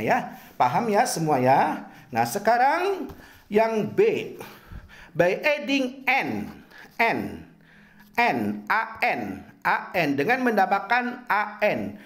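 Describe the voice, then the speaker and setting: A middle-aged man lecturing university students on English grammar, repeating each example slowly and drilling them one by one. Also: a little high, a bit bright.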